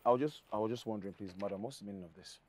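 A man's voice: fairly low pitch, rapid-fire, a little mellow, a little hiss or hum, natural voice. A man in his thirties with a Nigerian accent, playing an affectionate but easily indignant husband in a film drama. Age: 30s. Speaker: actor in a film. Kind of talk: Nollywood film drama acting.

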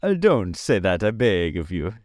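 A man's voice: deep voice, sing-song, moderate pace, a little mellow, dry recording, clean studio sound. A man doing an earnest tin man. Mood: concerned. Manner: earnest, concerned. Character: kind-hearted man made of tin, earnest.

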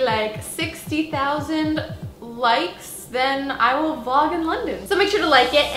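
Bubbly high-voiced young woman vlogger. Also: a bit bright. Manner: bubbly, chatty, with many fillers of "like". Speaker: beauty and lifestyle vlogger. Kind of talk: casual vlog talk to camera.

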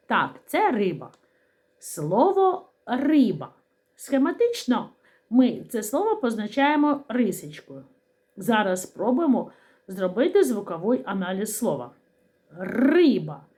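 A woman teacher giving a literacy lesson to young children, speaking slowly and sounding out words syllable by syllable, asking questions and answering them herself. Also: a little high, darkish tone. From Ukraine. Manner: slow, careful enunciation of syllables.

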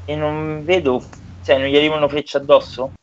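A man playing a tabletop game, describing his character's moves in a hesitant, halting way. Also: fairly high pitch, little pitch movement, a little hiss or hum. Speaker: player. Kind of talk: casual tabletop game talk. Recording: dull lo-fi sound.

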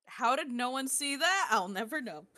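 A woman's voice: sits high, expressive, normal speed, pushed and bright, dry recording, clean studio sound. A woman from New York chatting casually as a gameplay co-commentator, blunt, slangy and teasing. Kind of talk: casual chat, riffing on a game.

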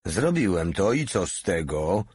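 A man's voice: deep voice, fairly even intonation, measured pace, husky, dry recording, studio quality. A man reading the part of a big, tough soldier who answers bluntly and provocatively.

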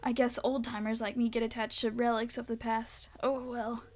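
A woman's voice: a little high, little pitch movement, normal speed, darkish tone, lightly acted. A woman voicing a nostalgic old male mayor in a farming game, reading the dialogue aloud in a slightly raised voice. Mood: wistful.

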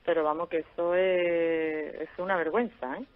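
A woman's voice: lowish voice, fairly even intonation, moderate pace. A woman, the target of a prank call, sounding embarrassed and pleading. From Seville. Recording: tinny phone line on radio.

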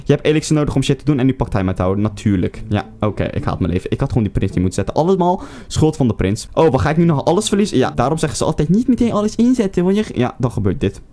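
A young man giving casual live commentary on his own mobile game, swearing often and swinging between glum mutters and excited yelps. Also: medium pitch, racing. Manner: excitable, swears a lot, jumps from groans to shouts. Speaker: gaming YouTuber.

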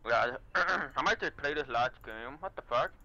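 A man streaming an online shooter, chatting casually with swearing, excitable trash talk into a headset. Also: medium pitch, unhurried, no room sound, lo-fi sound. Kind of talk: casual gaming chat.

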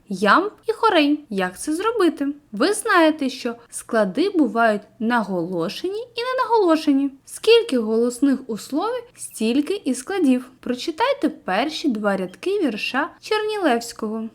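A woman reading a school literature textbook aloud, with expressive delivery that slows for the verse passages. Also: sits high. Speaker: textbook reader.

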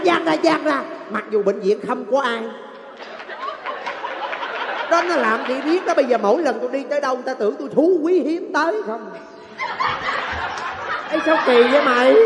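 A man's voice: very high voice, vocal fry, background noise. A guy doing a fed-up master griping at his servant, long hall reverb. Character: exasperated male master, scolding his servant. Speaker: stage comedian. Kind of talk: live stage comedy sketch. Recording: echoey hall.

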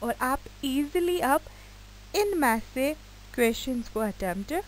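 A woman with an Indian accent teaching English grammar in a video lecture. She explains each rule slowly and spells words out letter by letter. She stops often to ask her students quick checking questions. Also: sits high, lively intonation, slight background noise, poor audio.

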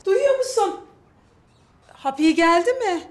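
A woman's voice: very high-pitched, big pitch swings, takes it slowly, exaggerated voice. A woman playing a fussing, protective middle-aged mother in a TV drama. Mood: hopeful concern. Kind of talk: television drama acting. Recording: roomy indoor echo with music.

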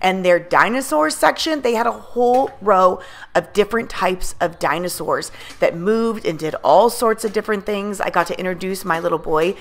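A woman's voice: medium pitch, normal speed. A woman, a mother of six, narrating a shopping vlog voice-over with upbeat enthusiasm about bargains. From United States. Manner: upbeat, enthusiastic deal-hunting. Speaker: vlogger.

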